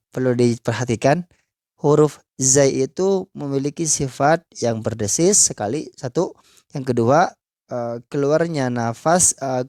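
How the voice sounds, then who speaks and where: A man's voice: mid-range voice, dark tone, no echo, clean studio sound. A man teaching Quran recitation in a pronunciation lesson, patiently demonstrating sounds with repeated drills.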